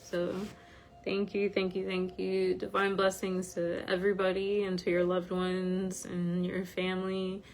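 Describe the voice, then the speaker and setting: Woman, informal online group host. Tired, slightly croaky, very slow and even, over background noise. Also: fairly low pitch, low-quality recording. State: tired from medication. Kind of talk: informal livestream talk.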